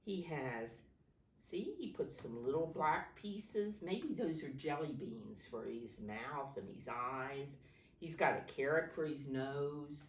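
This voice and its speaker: Reading a picture book to small children, a preschool teacher speaks in a low, animated voice. She goes slowly and instructively, asking questions and giving prompts in simple words. The microphone is some distance away in a roomy space, with a slight hiss or hum.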